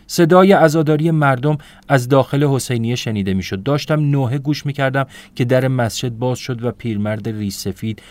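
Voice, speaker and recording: Soft-spoken man narrating a reflective story. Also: medium pitch. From Iran.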